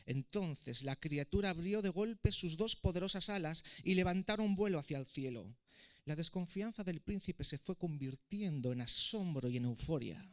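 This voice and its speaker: Predicador con acento de España, narración expresiva de sermón, voz algo aguda. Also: male voice, fairly high pitch. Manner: dramatic, expressive storytelling. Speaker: preacher. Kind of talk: narrated sermon story.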